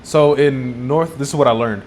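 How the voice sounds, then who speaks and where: A young man with a Texan accent chats casually as a podcast co-host. He rambles, laughs often and acts out little quotes in his stories. His voice is mid-pitched with a faint hiss behind it. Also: moderate pace, darkish tone. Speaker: podcast co-host back from a trip. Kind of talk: casual chat.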